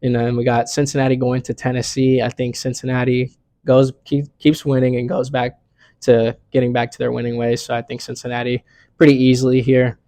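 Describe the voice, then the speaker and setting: A man's voice: mid-range voice, completely flat delivery, fairly quick, warm tone, dry recording. A young man hosting a casual sports picks vlog, talking in a laid-back, slangy way full of "you know what I'm saying".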